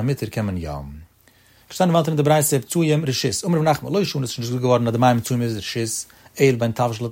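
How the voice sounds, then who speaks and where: A man's voice: mid-range voice, darkish tone. Man teaching in a rising-falling cadence. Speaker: religious text teacher. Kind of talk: traditional text study lesson.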